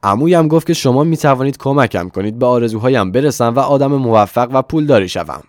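A man voicing a hesitant young man in a storybook reading, answering unsure and low. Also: lively intonation, dry recording, clean studio sound, close to an everyday voice. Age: young adult. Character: unsure young man seeking wealth, timid.

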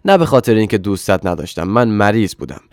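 A heartbroken young man stammers out halting words in a storybook reading, voiced by a man. The voice sits fairly low and the recording is dry and close. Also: big pitch swings, a little mellow, no echo. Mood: sorrowful.

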